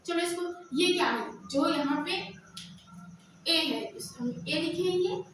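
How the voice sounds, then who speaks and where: A woman teaching a math lesson who keeps asking questions and answering them herself, drawing out formulas slowly as she dictates them. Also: extremely high pitch, a bit bright, slight background noise. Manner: slow, drawn-out dictation of formulas. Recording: very echoey room, voice from far off.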